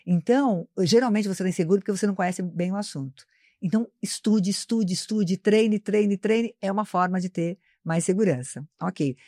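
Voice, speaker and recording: A woman's voice: mid-range voice, moderate pace, dark tone, no room sound. Woman guest, professor type, didactic explainer, plain mid voice, dry studio sound. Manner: didactic, explanatory, addresses host by name. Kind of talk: live interview talk. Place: studio, live broadcast.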